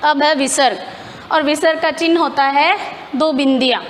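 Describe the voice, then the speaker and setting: A woman's voice: high voice, fairly even intonation, moderate pace, long reverb tail, slight background noise. A woman teacher explaining grammar step by step in a classroom lesson, asking questions and answering them herself.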